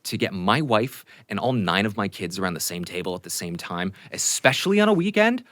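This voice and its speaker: A man's voice: sing-song, fast, fairly bright tone, no echo. A man voicing a grumpy, put-upon male halfling spellcaster who rants in exasperation. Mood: exasperated. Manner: ranting, exasperated, rising pitch.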